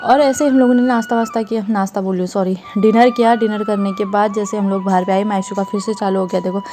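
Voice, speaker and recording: A woman's voice: medium pitch, steady tone, quick pace, over music. A young woman narrating a casual family vlog, often switching into coaxing baby talk with her toddler. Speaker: vlogger, mother.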